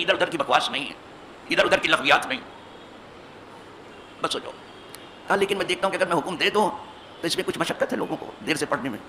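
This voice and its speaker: Speaking from the pulpit of a mosque, an imam delivers a hadith sermon in a fairly high-pitched male voice, with slight background noise. His manner is emphatic and heavy on rhetorical questions, climbing to forceful high points.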